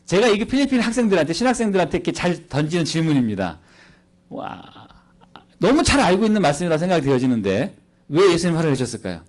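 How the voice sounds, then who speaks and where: A man preaching as a missionary at a church service, animated and playful, quizzing the congregation into a handheld microphone. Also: a little high, fast talker. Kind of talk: sermon.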